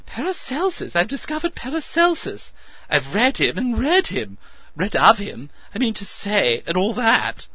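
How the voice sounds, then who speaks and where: A man voicing a skinny, eccentric male alchemist who talks in a shrill, piping, hysterical gush. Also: wildly swooping pitch, a little slow, slightly rough, no echo, dull audio, heavily acted. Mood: hysterically excited. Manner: hysterical, breathless, gushing.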